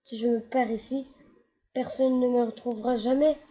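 A woman's voice: on the high side, moderate pace, breathy edge. A woman playing a shy little boy named Fanfan. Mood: nervous. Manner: childlike, lively. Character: young boy Fanfan, shy then excitable. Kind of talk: storybook reading. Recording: slightly dull lo-fi with faint noise.

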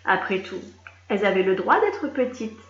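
A woman reading a children's story aloud, expressive and speaking directly to a young listener. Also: medium pitch. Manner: slow, expressive, addressing a child. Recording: roomy, slightly dull recording.

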